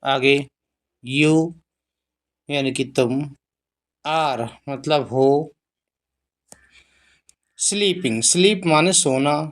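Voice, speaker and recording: Male English tutor, fairly high voice, unhurried, word-by-word lesson delivery. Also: a bit bright. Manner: reads English sentences very slowly, explains word by word. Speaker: English teacher. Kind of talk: spoken English lesson, explaining in Hindi.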